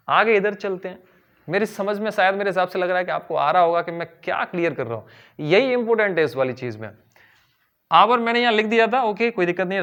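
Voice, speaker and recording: A young man with a high voice and an Indian accent teaches grammar in a classroom manner. He poses questions to his students and answers them, and he slows right down to drawl English phrases for emphasis. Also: fairly bright tone, muffled recording. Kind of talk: classroom lesson in Hindi mixed with English.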